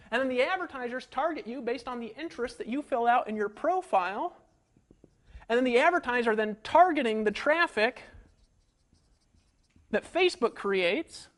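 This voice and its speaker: A man coaching an online marketing webinar from a home setup, energetic and folksy, full of rhetorical questions. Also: high-pitched. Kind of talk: webinar teaching. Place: home setup in rural hills.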